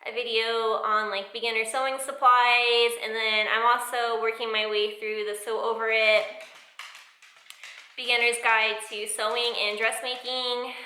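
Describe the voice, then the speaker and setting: An American woman giving a casual, rambling vlog update in an informal, chatty way, recorded in an echoey room with high ceilings. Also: flat delivery, unhurried, pushed and bright. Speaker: sewing vlogger. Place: indoors in new home, bare high-ceilinged room.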